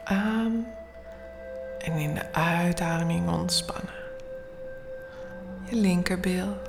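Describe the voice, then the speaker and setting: Woman doing a bedtime meditation, super slow n soothing, hushed almost whispery, music clearly playing behind. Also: lowish voice. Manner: slow, soothing, hushed, often near-whispered, with long pauses. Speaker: guided relaxation instructor. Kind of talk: guided bedtime body-scan meditation.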